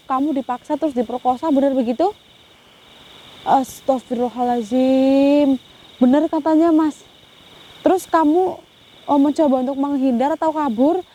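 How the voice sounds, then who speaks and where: A young woman on a ghost-hunting vlog, talking softly and with pity to an unseen spirit and often breaking into Islamic exclamations. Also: sits high. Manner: hushed and pitying, with frequent Islamic exclamations.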